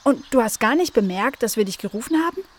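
A woman voicing an eager, cheerful young female animal in a children's story, calling out excitedly. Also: fairly high pitch, fast, slight background noise, close to an everyday voice.

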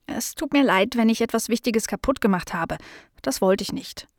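A woman's voice: a little high, expressive, normal speed, no room sound, clean studio sound, lightly acted. Woman doing a shy little mother mouse. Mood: timid. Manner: timid and apologetic.

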